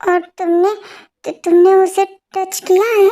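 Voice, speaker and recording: A woman's voice: extremely high pitch, moderate pace. A woman playing a whiny, tearful young wife. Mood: anxious. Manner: whiny, sobbing and accusing. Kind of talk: amateur Hindi fan dub.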